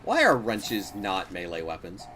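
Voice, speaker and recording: A man casually chatting and swearing while playing a game with a friend, laid-back and quick to laugh. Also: low-pitched, huge pitch swings, a bit bright, a little hiss or hum. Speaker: gaming co-host. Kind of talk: casual gameplay chat.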